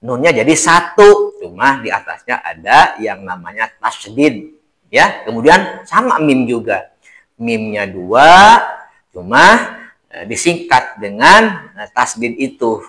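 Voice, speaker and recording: A man's voice: mid-range voice, very animated, a little slow, sharp tone. A man teaching Quran recitation, over-enunciating and stretching key words with emphatic repetition. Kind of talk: spoken tajwid lesson with demonstrated recitation.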